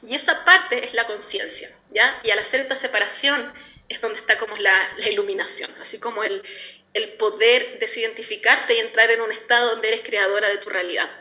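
Bright-voiced woman, spiritual coach. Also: a little high, brisk. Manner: expressive, acts out her inner voices. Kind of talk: casual reflective talk.

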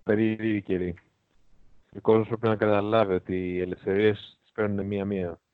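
A man with a fairly low voice chats casually as a podcast co-host. He often chimes in to agree. His sound is a bit dull and lo-fi, with a dry room. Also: level tone, clear, resonant tone, dry recording. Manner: agreeing, brief interjections. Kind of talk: casual chat.

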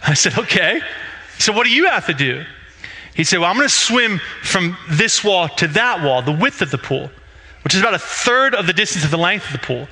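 A man's voice: sits high, fairly quick, low-quality recording. A man in his thirties, a pastor preaching a sermon in a church and acting out the dialogue in his stories. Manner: animated storyteller who acts out dialogue. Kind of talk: sermon with storytelling. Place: church sanctuary.

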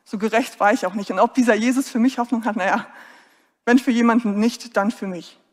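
A woman's voice: a little high, fairly quick, darkish tone, big-room sound, lightly acted. Zacchaeus, a woman doing a brash greedy tax collector. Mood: rueful. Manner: slangy, offhand, self-justifying. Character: greedy rich male tax collector, brash and self-satisfied.

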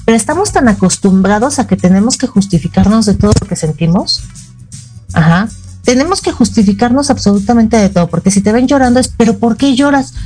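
A woman's voice: medium pitch, lively intonation, a little fast, warm tone, soft background music. A middle-aged woman with a Mexican accent, a psychologist co-hosting a casual talk show and explaining with frequent "ajá" fillers. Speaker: psychologist co-host.

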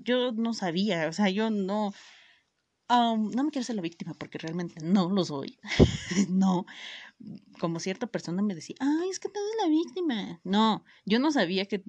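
A woman's voice: mid-range voice, darkish tone, dry recording, dull audio. A young Mexican woman chats straight to her viewers, spilling a personal story in loose, slangy speech peppered with swearing and fillers. She keeps cutting herself off and starting over. The sound is dry and close, with no room around her voice. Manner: frequent self-interrupting restarts. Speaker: vlogger.

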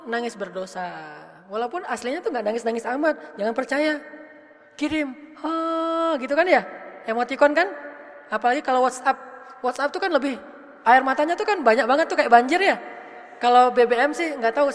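Chatty woman preaching in an echoey hall. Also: fairly high pitch. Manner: chatty, asks the audience questions. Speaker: religious teacher. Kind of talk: casual, humorous sermon.

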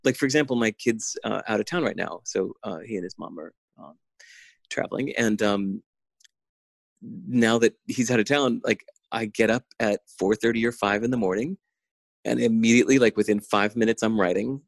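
A man's voice: on the low side, moderate pace, gravelly, no echo. A man talking as a podcast guest in casual conversation, intense and enthusiastic, laughing often, over a remote call.

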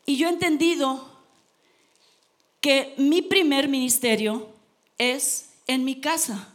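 A woman's voice: high-pitched, takes it slowly. A woman preaching a sermon to her congregation, earnest and emphatic.

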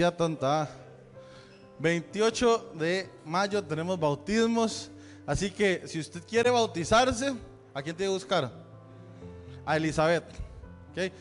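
Male pastor, Central American Spanish accent, high voice, chatty announcements, church reverb with soft music behind. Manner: chatty, joking with the congregation. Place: church sanctuary. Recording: long hall reverb with faint music.

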